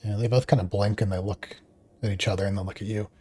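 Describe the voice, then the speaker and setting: A man running a tabletop game as game master, narrating in a relaxed, hesitant way with many fillers. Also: lowish voice, fast, slightly rough.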